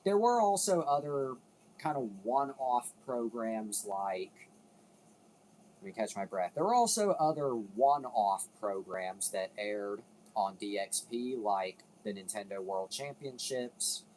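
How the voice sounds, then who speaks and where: A man's voice: fairly low pitch, a little hiss or hum, rough recording. A man hosting a casual commentary video, rambling, cutting himself off and swearing now and then. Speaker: video host.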